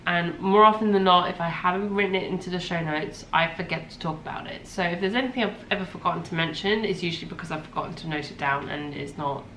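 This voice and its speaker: Her voice sits on the low side with a fairly bright tone, and she speaks fast with hardly any pauses. She's in her thirties, hosting a podcast as casual, rambling chat with many ums and self-corrections, slightly congested from a cold. The recording has room echo and faint ambient noise.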